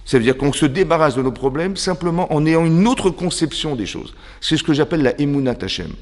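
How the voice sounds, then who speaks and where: A man with a French accent giving a religious lesson to a women's class as a rabbi, animated and throwing rhetorical questions at his listeners. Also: fairly high pitch, brisk, long reverb tail. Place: seminary classroom.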